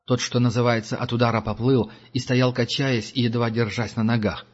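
A man narrates an audiobook in a steady, measured reading voice. His tone is mid-pitched and husky, and the recording sounds dull and lo-fi. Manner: steady, measured reading with gruff character growls. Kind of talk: scripted narration.

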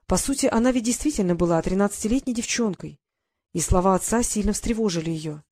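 A woman narrating a novel in an even, measured storytelling manner. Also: medium pitch, no echo, clean studio sound. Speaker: audiobook narrator.

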